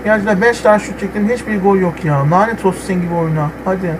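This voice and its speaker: A young man playing a football video game, commenting live and swinging from muttering to yelling at the players. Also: high-pitched, fairly even intonation, fast talker, background noise. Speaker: gamer.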